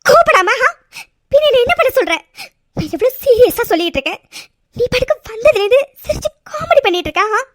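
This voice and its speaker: Cast a woman as a shrill, high-voiced young bride for a cartoon, insistent and exasperated, with a dry close sound. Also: big pitch swings, quick pace, no echo. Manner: insistent, exasperated, tearful pleading. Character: young bride pleading to cancel wedding. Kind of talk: cartoon voice acting.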